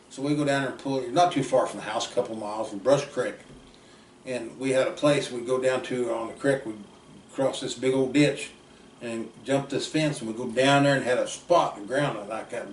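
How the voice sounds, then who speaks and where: A man, telling folksy stories in a rambling, casual way that trails off softly. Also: medium pitch. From southeast Kansas. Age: 70s. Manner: folksy, drifting, trails off quietly at ends. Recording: roomy, distant mic, faint background noise.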